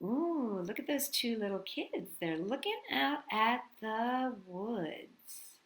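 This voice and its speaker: Animated and fairly bright, this storytime host speaks slowly in a higher voice as she sings action songs and encourages little children in a sing-song style. The room echoes noticeably, and music plays in the background.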